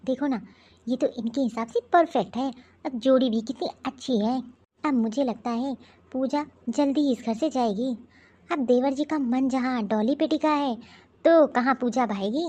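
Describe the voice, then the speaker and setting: A woman voicing a gossipy, scheming young sister-in-law in an animated cartoon, with sly asides. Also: high voice, normal speed.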